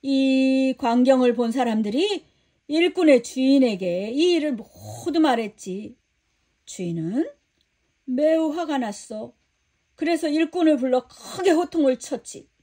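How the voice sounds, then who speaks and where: A patient, kindly male teacher tells a story in a children's Bible storybook, voiced by a woman. He speaks slowly and calmly, with a soft, high voice. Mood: gentle. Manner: calm, kindly storytelling to a disciple.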